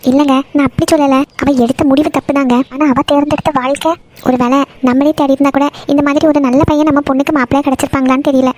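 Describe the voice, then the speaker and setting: A woman voicing a patient, forgiving mother in a cartoon, gently pleading with her husband. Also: high-pitched, little pitch movement, quick pace, close to an everyday voice. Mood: pleading, gentle. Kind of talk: Tamil cartoon voice acting.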